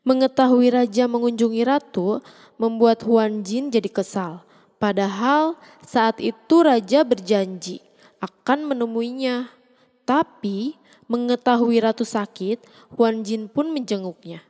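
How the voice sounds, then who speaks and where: A woman's voice: on the high side, a little slow, mellow, big-room sound. A woman reads a scripted story recap as the narrator. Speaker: narrator recapping a drama series.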